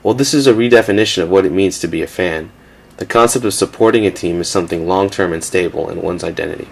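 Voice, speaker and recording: A man giving a measured, factual scripted narration for a documentary. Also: deep voice, vocal fry.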